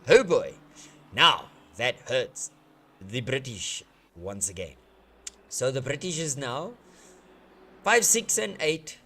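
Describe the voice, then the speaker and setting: A man calls a sim race live in a high, unhurried voice. His pitch leaps and swoops constantly as he jokes, teases the drivers and curses with excitement. He sounds playful and cheeky throughout. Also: slight background noise. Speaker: sim racing commentator, streamer.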